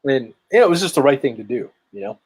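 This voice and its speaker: A man's voice: mid-range voice, big pitch swings, quick pace, slightly rough. A man telling a story in casual chat on a video call, tagging his sentences with "right?". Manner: rambling storytelling, tags lines with "right?". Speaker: podcast guest, marketer.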